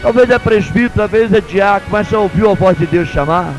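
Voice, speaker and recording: Very high-voiced Brazilian preacher man. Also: brisk, muffled recording, soft background music. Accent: Brazilian Portuguese. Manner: sing-song preaching cadence that swells into shouts. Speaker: pastor. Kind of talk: sermon.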